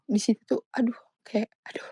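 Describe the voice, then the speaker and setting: A young woman telling a story in casual chat, animated and full of fillers. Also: moderate pace, no echo, clean studio sound. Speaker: guest.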